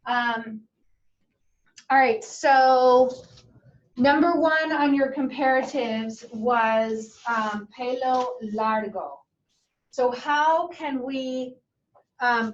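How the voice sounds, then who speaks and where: A woman teaches a Spanish class, chatty and encouraging as she switches between English and Spanish. Her fairly high voice is slow and fairly even in intonation, and the classroom audio is muffled, captured by a distant camera.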